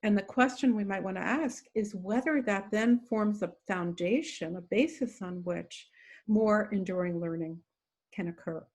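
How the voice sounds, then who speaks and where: This is a conversational academic Q&A: an older woman lecturer responds to the audience over video, hedging carefully, self-correcting, and adding dry humorous asides. She speaks at a normal speed in a mid-range, slightly mellow voice.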